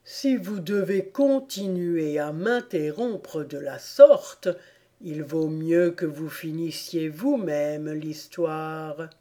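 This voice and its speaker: A woman voicing a drowsy male dormouse with a slow, dreamy, half-asleep drawl in an audiobook. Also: low-pitched, dark tone. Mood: sleepy. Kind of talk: audiobook character voice.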